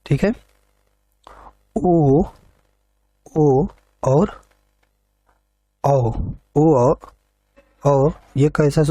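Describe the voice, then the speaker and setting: Man, teacher, patient step-by-step explaining, husky, dry close sound. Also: medium pitch, mellow, no room sound. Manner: explains step by step, repeating questions back. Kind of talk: exam prep lesson.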